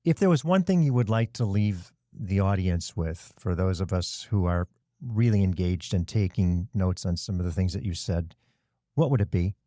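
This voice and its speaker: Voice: sits low, animated, normal speed, dark tone, no echo, clean studio sound. A podcast host asking questions in an earnest, grateful manner, laughing along with the guest. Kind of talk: conversational interview.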